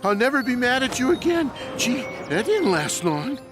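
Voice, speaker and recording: Garfield, a smug lazy cat. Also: male voice, extremely high pitch, very animated, normal speed, over loud music. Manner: dry, smug, wisecracking. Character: lazy sardonic adult male orange cat. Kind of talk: cartoon voice acting.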